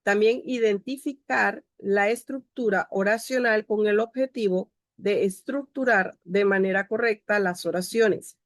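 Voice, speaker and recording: A woman's voice: mid-range voice, a bit bright, no room sound, studio quality. A woman teacher giving a grammar lecture over a video call. She explains step by step and cues each slide aloud. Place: home.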